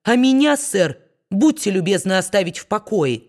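A woman's voice: medium pitch, sing-song, normal speed, darkish tone. A woman reading a storybook and voicing a good-natured young man who protests frankly. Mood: indignant.

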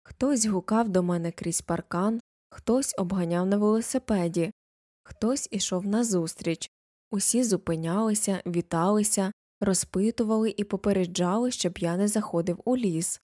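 A woman reading a novel aloud as an audiobook narrator, in an even storytelling manner. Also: medium pitch, moderate pace, no echo, studio quality.

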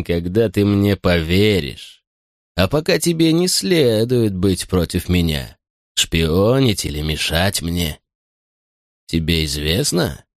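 A man voicing a sinister drunken butler who speaks very slowly, quietly and deliberately in a low voice. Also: no room sound, studio quality, exaggerated voice. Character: sinister drunken male butler, slow and menacing.

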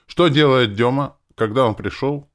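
A man's voice: mid-range voice, normal speed, voice pushed up, lightly acted. A man voicing an eager, earnest young boy in an audiobook, talking in a chatty way. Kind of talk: audiobook character voice.

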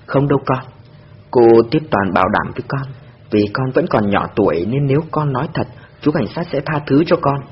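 A man's voice: mid-range voice, expressive, a little fast, breathy edge. Man doing a patient, earnest policewoman. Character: patient firm young policewoman. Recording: dull lo-fi recording.

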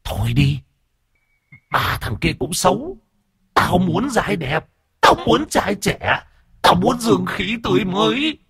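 A man's voice: sits high, very animated, unhurried, pauses often, a bit bright, dry recording, pitched above the performer's own voice, heavily acted. A man voicing a ravenous demon-possessed young woman who hisses her words. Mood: greedy. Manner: hissing, breathy menace.

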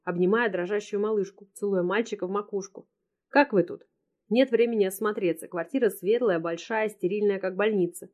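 A woman's voice: mid-range voice, fairly even intonation, fairly quick, hardly any pauses, darkish tone. A woman reading a first-person story aloud in a tense, emotional way. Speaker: audiobook narrator. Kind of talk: first-person audiobook narration.

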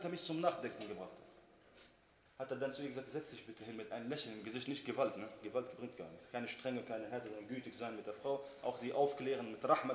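A male preacher telling a story in a sermon, acting out the people in it with shifts in his voice and reciting Arabic quotes quickly. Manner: animated, switches pitch to act out quoted speakers. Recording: echoey hall with faint hiss.

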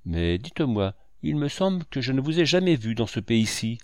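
A man's voice: medium pitch, big pitch swings, moderate pace, dry recording. A man doing a gracious rich lady. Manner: gentle, gracious. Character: gracious wealthy lady, generous and kind.

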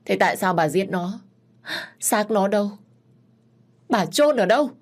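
A woman's voice: fairly low pitch, normal speed. A woman voicing a distraught mother who cries out for her lost daughter in a story. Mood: frantic. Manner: wailing, pleading.

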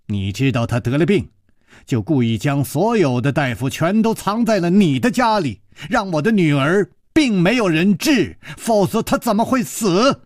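A man doing a shrill, furious mother shouting from afar. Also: very animated, moderate pace, dry recording, clean studio sound. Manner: sharp, accusing.

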